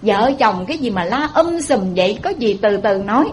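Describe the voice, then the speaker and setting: A woman's voice: medium pitch, expressive, moderate pace, a little hiss or hum, lightly acted. A woman with a Southern Vietnamese accent voicing a blunt elderly mother-in-law who scolds. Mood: scolding.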